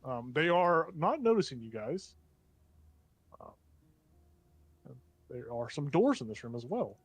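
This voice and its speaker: Man, game master, tabletop narration, slightly higher pitch, dry sound, halting, casual, slangy. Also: sing-song, husky, no echo. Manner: halting, searching descriptions with casual slang and mild exasperation.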